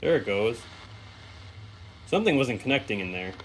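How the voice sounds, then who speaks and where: A man with an expressive, medium-pitched voice speaks at normal speed while casually narrating a radio repair in a stone-lined basement. A hobbyist presenter, he thinks aloud unscripted and offhand. The recording is rough, with slight background noise.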